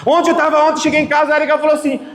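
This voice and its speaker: High-voiced man preaching in an echoey hall. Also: little pitch movement, very fast. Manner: dramatic storyteller, shifting between loud outbursts and soft asides. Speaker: lay preacher. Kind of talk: storytelling sermon at a prayer group. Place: prayer group meeting hall. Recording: echoey hall with long reverb, faint room noise.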